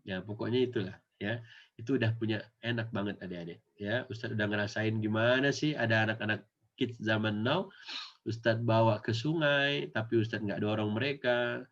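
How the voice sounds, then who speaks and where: A male Islamic teacher with an Indonesian accent giving an animated Quran lesson to children, often acting out the kids' voices. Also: fairly low pitch, normal speed. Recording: dull lo-fi recording.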